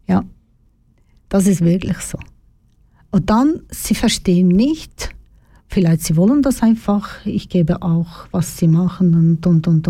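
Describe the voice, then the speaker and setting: A woman radio host speaking simple, in a slow, reflective way. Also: fairly low pitch, warm tone, dry recording. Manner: simple non-native German, slow and reflective. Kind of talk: casual radio talk.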